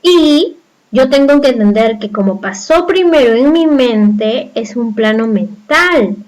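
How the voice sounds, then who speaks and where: A woman's voice: a little high, expressive, slow, a little mellow, poor audio. A woman from Peru with a Peruvian accent, teaching a recorded class and explaining step by step with frequent rhetorical questions to the students. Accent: Peruvian Spanish.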